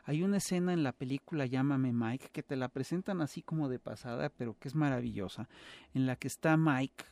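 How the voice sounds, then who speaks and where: A man with a Mexican accent, explaining as an interview guest in a halting, lecturing way with many filler sounds. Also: medium pitch, gravelly, darkish tone, no room sound. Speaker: guest expert on Mexican humor and cinema.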